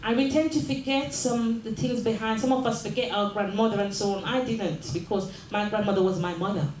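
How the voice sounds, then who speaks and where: A woman's voice: mid-range voice, fairly quick, darkish tone, slight background noise. An older woman born in Jamaica, a mayor giving an earnest community speech, often repeating phrases and asking the audience "yes?". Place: large room at a mayor's office. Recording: echoey room with faint ambience.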